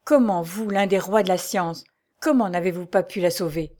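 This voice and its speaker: A woman's voice: lowish voice, normal speed, dark tone, lightly acted. A woman reading the part of a young nobleman, ardent and pleading, pressing with urgent questions.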